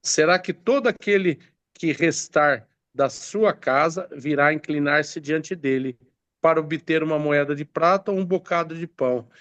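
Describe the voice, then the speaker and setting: A man's voice: a little high, a little slow, a bit bright, no echo, muffled recording. A man preaching a sermon, reading scripture aloud and explaining it with many hesitant fillers and restarts.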